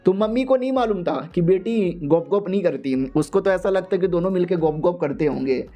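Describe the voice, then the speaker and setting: High-voiced slangy male storyteller. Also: expressive, mellow. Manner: slangy, joking, fast-talking storyteller. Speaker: narrator. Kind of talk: comic manhua recap.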